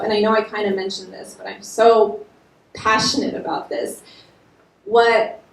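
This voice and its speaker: A fairly high-pitched woman from Jordan speaks as a panelist with heartfelt feeling that grows impassioned. She is recorded from a distance in an echoey room. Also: darkish tone. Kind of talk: panel discussion.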